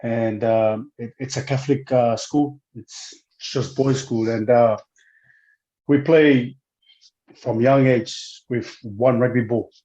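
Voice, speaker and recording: A man, talking slowly through his memories with lots of "uh"s and restarts. His voice is mellow and warm, and the audio sounds muffled and lo-fi. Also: medium pitch, steady tone. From Samoa. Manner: hesitant, many fillers and restarts. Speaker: guest, former rugby player. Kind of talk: casual interview.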